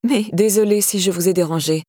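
A woman reading an audiobook, voicing a proud, restrained middle-aged woman in a low, subdued voice. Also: fairly quick, a little mellow, slightly rough, no echo, clean studio sound, lightly acted. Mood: haughty. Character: proud, grieving middle-aged woman, cold then fragile.

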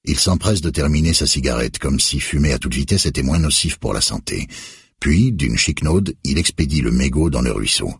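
A man reading a novel aloud in measured, expressive scripted narration. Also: very deep voice, creaky, slightly rough, dry recording, studio quality. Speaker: audiobook narrator.

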